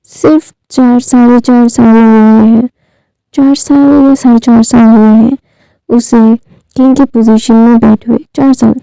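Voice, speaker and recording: A woman's voice: fairly high pitch, creaky, warm tone, smooth, dry recording. A woman casually retelling a story, hesitant, with many fillers and restarts. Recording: dull lo-fi dry recording.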